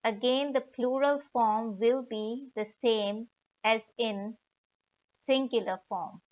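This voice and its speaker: Woman teaching german, really slow, kinda high voice, dull lo-fi sound. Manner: pauses often, sounds out German words with care. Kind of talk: slow, deliberate tutorial explanation. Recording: slightly dull lo-fi recording.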